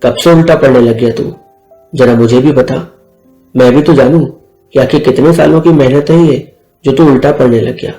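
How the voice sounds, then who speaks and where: A man's voice: mid-range voice, normal speed, dark tone, close to an everyday voice. A man reading a fiery bossy older sister. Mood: scolding. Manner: scolding, threatening. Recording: echoey room with faint music.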